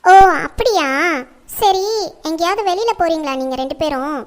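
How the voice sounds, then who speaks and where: Casting: woman as sulky, pleading young daughter, very high voice, family drama. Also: expressive, moderate pace. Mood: curious. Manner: whining, pleading.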